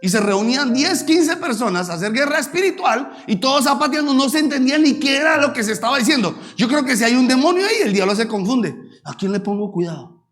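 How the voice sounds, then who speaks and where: High-voiced preaching pastor. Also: male voice, fast talker, hardly any pauses. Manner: animated preaching, acts out shouted prayers and the devil's replies. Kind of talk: sermon.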